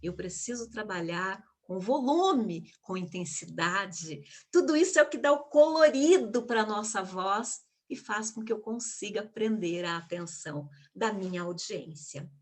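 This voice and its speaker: A woman giving an online lecture on public speaking, emphatic and full of rhetorical questions. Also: mid-range voice. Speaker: communication speaker, guest of an online live.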